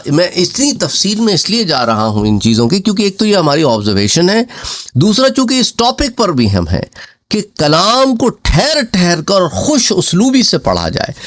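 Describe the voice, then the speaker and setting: Scholar, middle-aged, animated teaching voice, dry close sound, patient explainer. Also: male voice, a little high, no echo. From Pakistan. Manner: explains patiently with examples, drawn-out recitation. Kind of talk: explanatory religious lecture.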